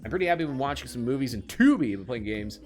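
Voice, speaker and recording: A man's voice: medium pitch, animated, quick pace, a little mellow, faint music behind. A man in his late twenties, chatting casually and joking at his own expense while playing a game on stream. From United States. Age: late 20s. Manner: rambling, self-mocking joking. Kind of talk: casual chat while gaming.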